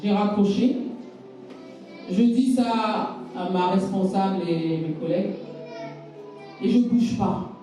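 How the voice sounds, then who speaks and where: A woman's voice: mid-range voice, takes it slowly, long pauses. A woman preacher giving a sermon with a personal testimony, telling her story with emphatic repetitions. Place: church hall. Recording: echoey hall from far off, faint music.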